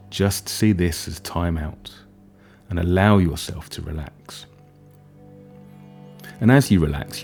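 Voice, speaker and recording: A man leads a hypnosis session in a low, soft, breathy voice, soothing and unhurried, with gentle pauses between his phrases.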